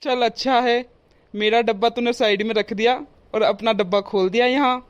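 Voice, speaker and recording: A woman voicing a teasing, short-tempered grown brother in a cartoon, in a fairly high voice. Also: steady tone, normal speed, smooth, highs cut off, close to an everyday voice. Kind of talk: cartoon voice acting.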